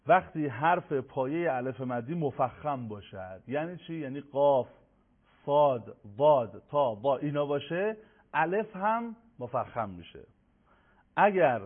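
A man's voice: fairly high pitch, narrow, tinny audio. A man teaching a lesson on reciting the Quran, explaining carefully and stressing Arabic letters in his examples. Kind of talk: televised lesson.

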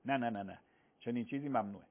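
A man, a cleric, patiently explaining religious rulings on a radio call-in show, often affirming with repeated yeses. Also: mid-range voice. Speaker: cleric answering religious questions. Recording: phone-like radio broadcast sound.

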